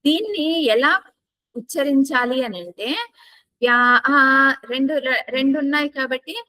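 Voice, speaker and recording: A woman teaching a class, who chants verses slowly, repeats each line, then explains the tone marks in plain speech. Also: high voice, sharp tone, no echo. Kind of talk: class on reciting a scripture with its commentary.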